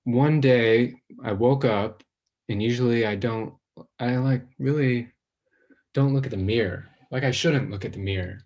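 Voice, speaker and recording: Guy acting as a nervous young dude who rambles and trails off, mid pitch, stage play. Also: close to an everyday voice. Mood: rambling, ashamed. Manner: halting, rambling, trails off into quiet self-doubt. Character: anxious, self-conscious young man, recently fired.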